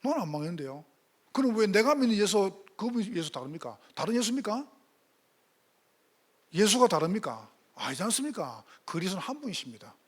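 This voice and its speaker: A male pastor preaching a sermon, firing rhetorical questions and swinging between loud emphatic calls and hushed asides. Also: high-pitched, big pitch swings, brisk.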